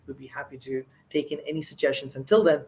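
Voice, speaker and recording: A man's voice: a little high, fairly even intonation, quick pace, a little mellow, low-quality recording. A man hosting an interview show, effusive and full of thanks, with fillers and restarts. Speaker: host.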